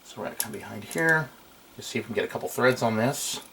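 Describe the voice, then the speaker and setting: Quick, expressive and forceful, his mid-range voice is creaky yet bright as this middle-aged electronics hobbyist improvises a hands-on workbench demonstration. The clip comes from a camera mic at short range in a small room, with the noise of an amateur camcorder recording.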